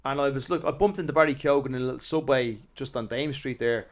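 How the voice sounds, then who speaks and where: A man's voice: medium pitch, fast. An Irish man, an actor and comedian, chatting as a guest in a rambling, self-deprecating way. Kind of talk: casual interview chat.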